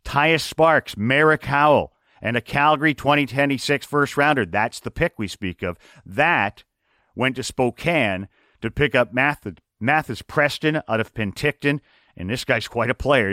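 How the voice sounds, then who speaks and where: A man's voice: mid-range voice, sharp tone, no echo, clean studio sound. A man hosting a sports radio show, rattling off hockey trade details. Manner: rapid rundown of hockey trades.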